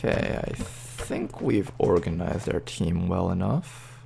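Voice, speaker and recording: Low, very creaky man commentating. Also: big pitch swings, slow, background noise. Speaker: gaming YouTuber. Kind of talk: casual game commentary.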